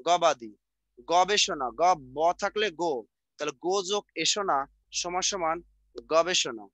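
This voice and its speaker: A middle-aged man teaching an exam-prep grammar lesson, repeating sounds slowly and quizzing the class. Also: high-pitched, fairly bright tone, no echo. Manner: repetitive, drills sounds out slowly, asks the class questions.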